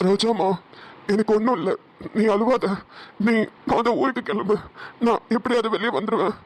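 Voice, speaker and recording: A woman's voice: a little high, moderate pace, natural voice. A soothing young cartoon lover, as a woman voices him. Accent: Namakkal Tamil. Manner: soft, soothing, reassuring. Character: gentle young man in love, locked up.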